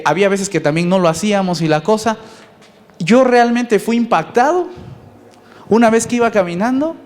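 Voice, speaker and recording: A man with a Mexican accent preaching a sermon as pastor, lively and conversational, asking his listeners questions. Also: sits high. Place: church. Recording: long reverb in a church hall.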